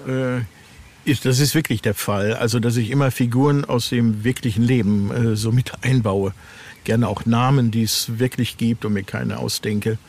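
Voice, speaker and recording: A man with a German accent, a medium-pitched, darkish voice and fairly even intonation speaks at normal speed as the guest author of a horror novel series. He's being interviewed and talks casually, thoughtfully and with some hesitation, against clearly noisy background sound.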